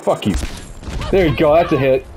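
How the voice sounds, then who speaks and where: A man's voice: fairly high pitch, moderate pace, crowd noise. A man playing a shooter game with a friend, giggly and teasing, cursing now and then. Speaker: video game player. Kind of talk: casual gameplay banter. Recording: game noise behind.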